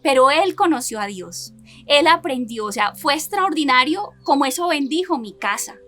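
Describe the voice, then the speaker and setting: A woman's voice: sits high, animated, normal speed, bright, forceful tone, faint music behind. A woman preaching a sermon and sharing a personal testimony, earnestly putting rhetorical questions to her listeners and building her points in repeated lists.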